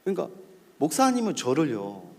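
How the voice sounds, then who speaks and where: A man preaches in a storytelling way, his fairly high, husky voice swinging up and down as he talks straight to the crowd. The long reverb of a big hall hangs behind every phrase. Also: moderate pace. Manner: animated, addresses the audience directly. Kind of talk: storytelling sermon. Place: large hall at a church camp.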